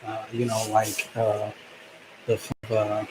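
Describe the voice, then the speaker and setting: A man's voice: on the low side, takes it slowly. A man talking casually to his own microphone in a loose, hesitant monologue, full of fillers and restarts. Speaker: vlogger. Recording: steady background noise.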